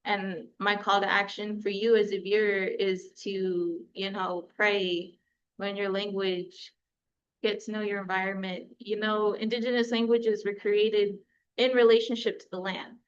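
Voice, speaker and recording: Young woman from New Mexico, community organizer, nervous wavering voice, smooth clear tone, flat delivery, dull lo-fi audio. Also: mid-range voice, measured pace. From Gallup, New Mexico. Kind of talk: press conference speech.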